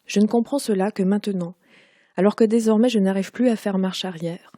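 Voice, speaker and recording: A Quebec-raised author in her forties reads her own literary prose aloud in a Parisian French accent. Her voice is warm and mellow, mid-pitched for a woman, with fairly even intonation. She speaks in a measured, unhurried way, and the recording is dry with no room echo.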